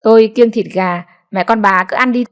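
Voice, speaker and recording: A woman voicing a bitter, sharp-tongued old mother-in-law who scolds and snaps at her family. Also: fairly high pitch, normal speed, smooth, muffled recording, lightly acted. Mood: snapping. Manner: scolding, snapping, grudging.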